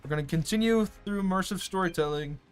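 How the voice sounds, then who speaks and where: A man's voice: high voice, fast. A man live streaming a game story playthrough, reading dialogue and commenting as he plays. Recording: music under the voice.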